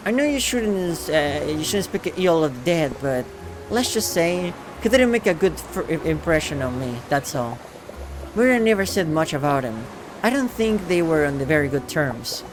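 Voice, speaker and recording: A man's voice: on the high side, big pitch swings, normal speed, music in the background. A man voicing a wistful, hesitant teenage girl who writes poetry, in a video game read-aloud. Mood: uneasy. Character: teenage girl, wistful poet missing her best friend.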